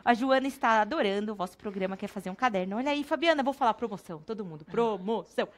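A woman's voice: mid-range voice, expressive, very fast. A woman with a Brazilian accent hosting a craft lesson, chatting playfully and then pushing a sales promotion with hyped energy. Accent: Brazilian Portuguese. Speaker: craft teacher and host. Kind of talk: casual craft demo with sales pitch.

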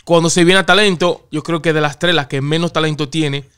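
A man's voice: fairly high pitch, fairly even intonation, fairly quick, a bit bright, clean tone. A man co-hosting a podcast in casual chat, mixing Spanish and English and asking "right?" again and again. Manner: switches between Spanish and English, says "right?" often. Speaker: podcast co-host.

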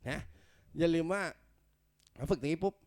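A man teaching a casual bass lesson, talking loosely and counting beats aloud between the bits he plays. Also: normal speed. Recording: loud bass playing behind. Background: bass guitar.

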